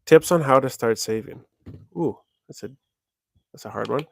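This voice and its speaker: Answering questions from viewers on his livestream, a young man from Canada rambles casually, often saying "like" and correcting himself as he restarts sentences. His mid-range voice moves at a normal speed and sounds creaky and slightly rough, captured in a dry, clean studio recording.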